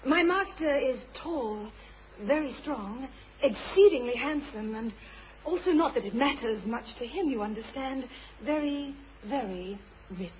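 A woman's voice: high-pitched, animated, a little slow, slight background noise. A woman playing a confident, grand talking cat who serves as a loyal valet, in theatrical pantomime style. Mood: boastful. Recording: muffled stage recording with music.

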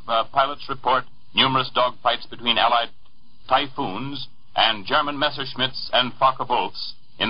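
Man as a 1940s radio newsman, formal and measured, husky tone, old lo-fi broadcast. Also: mid-range voice. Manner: formal, measured announcer delivery. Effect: old 1940s radio broadcast sound. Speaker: radio newscaster. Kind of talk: wartime radio news bulletin.

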